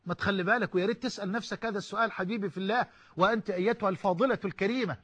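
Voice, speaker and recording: A man's voice: sits high, very fast, fairly bright tone, slightly rough. A man preaching a sermon with an Egyptian Arabic accent, impassioned and rising to emphatic outbursts.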